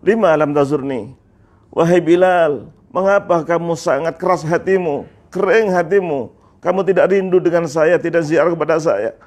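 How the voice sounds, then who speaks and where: A man voicing a gentle male figure from a dream who reproaches softly in a sermon story, in a slow, gently reproachful tone. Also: a little high, voice pushed up, natural voice.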